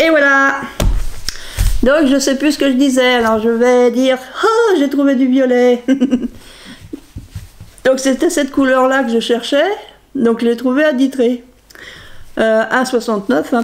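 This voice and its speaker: A middle-aged woman, chatting casually and rambling as she shows off a craft shopping haul, laughing at herself as she goes. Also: a little high. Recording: faint background noise with crinkling bags.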